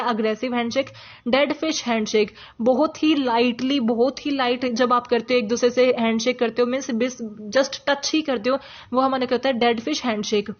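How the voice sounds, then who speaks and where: A woman teaching a lesson, who keeps posing questions to the class and answering them herself and mixes English terms into her talk. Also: fairly high pitch. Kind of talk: explanatory lecture. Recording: dull lo-fi recording.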